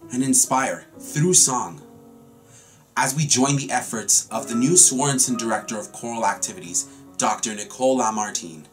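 Young man giving a formal choir introduction. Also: mid-range voice. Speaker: choir program narrator. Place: small room at home.

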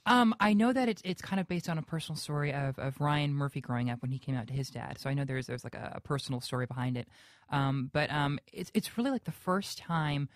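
A young man with a naturally high-pitched voice, a guest actor in a radio interview, talking haltingly with many fillers and restarts. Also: no echo, clean studio sound.

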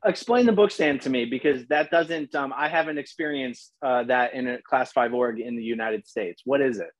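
A man's voice: medium pitch, normal speed, no echo. A man in his thirties, the host, interviewing a guest over a video call from his living room, asking short probing follow-up questions. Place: living room, on a leather couch, indoors. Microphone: video call, laptop camera mic.

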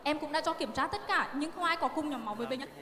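Woman playing a polite, firm nurse, fast talk, echoey hall. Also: high-pitched, sharp tone. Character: dutiful young female nurse. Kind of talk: amateur stage drama. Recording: reverberant hall.

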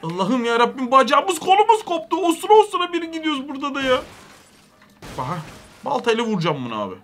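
A young man giving comedic, excitable game commentary with loud exclamations. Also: extremely high pitch, quick pace, faint music behind. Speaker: gaming YouTuber.

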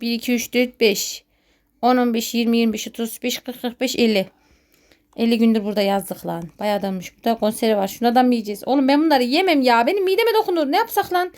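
A woman giving excited gameplay commentary, talking to herself, laughing often and shrieking when something scares her. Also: fairly high pitch, a little fast. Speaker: gaming video host.

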